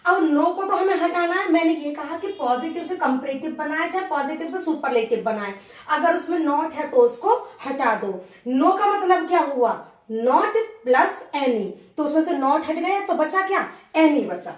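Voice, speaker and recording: This grammar teacher explains English rules one step at a time at the blackboard, her high voice animated, frequently asking "okay?" with a rising tone. When dictating examples she goes word by word, very slowly. Recorded from a distance, the audio is echoey and roomy.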